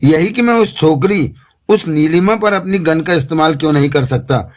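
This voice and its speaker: A man voicing a gruff male gangster with two pistols who talks in blustering slang, in an audiobook. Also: on the high side, normal speed, lightly acted. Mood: boastful. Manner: Bombay street slang, blustering.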